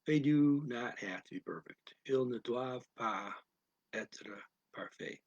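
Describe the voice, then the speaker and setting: A man teaching a language lesson, reading each phrase and then its translation in a deliberate, soft manner that drops near a whisper at times. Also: mid-range voice, no room sound, muffled recording. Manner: deliberate, alternates each English phrase with its French version.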